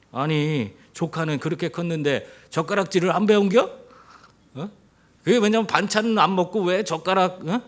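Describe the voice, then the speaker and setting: A man delivers a Sunday sermon in a church, his voice pitched somewhat high. He tells humorous anecdotes like a seasoned storyteller. He keeps drawing the listeners in with quick rhetorical questions. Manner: engages the congregation with rhetorical questions; animated storyteller. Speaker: pastor.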